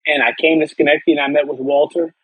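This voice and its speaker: A man's voice: a little high, flat delivery, fast talker, slightly rough, no room sound, narrow, tinny audio. A man from upstate New York, a podcast guest telling his personal story earnestly, often restarting and repeating words.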